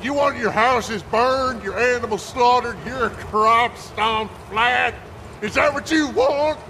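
A man voicing a ruthless bandit leader who shouts threats and curses at trapped defenders. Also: extremely high pitch, takes it slowly, a little hiss or hum, pitched above the performer's own voice, heavily acted. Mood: menacing. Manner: bullying, profane, menacing.

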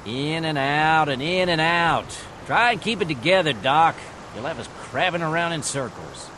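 A man's voice: fairly high pitch, expressive, normal speed, bright, forceful tone, a little hiss or hum. An actor playing a practical, commanding crewman who gives terse instructions in an adventure audio drama.

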